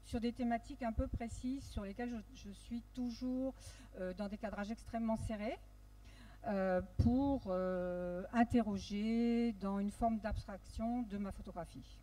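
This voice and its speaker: A woman introducing herself on a live panel with halting, careful phrasing, into a handheld microphone. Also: a little high, mellow. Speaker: photographer guest. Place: dark event stage. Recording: distant mic, faint venue noise.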